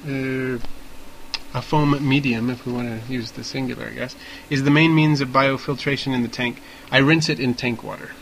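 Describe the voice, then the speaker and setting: A man's voice: mid-range voice, steady tone, normal speed, vocal fry, fairly bright tone, a little hiss or hum, low-quality recording. A man hosting a podcast, explaining things casually but with precise, slightly formal wording. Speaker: podcast host.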